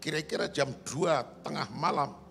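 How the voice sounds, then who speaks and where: A man's voice: on the high side, moderate pace, vocal fry, soft background music. A man preaching a sermon as pastor, telling stories with animation and calling the congregation to say amen. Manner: animated storytelling, calls for amen.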